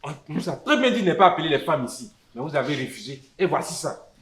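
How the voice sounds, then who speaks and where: Brief: a man playing a defiant in-law with an Ivorian French accent, lively slightly high voice, echoey. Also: quick pace, a crowd in the background. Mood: indignant. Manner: indignant, defiant. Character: indignant brother-in-law claiming inheritance, adult man. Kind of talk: community theatre acting.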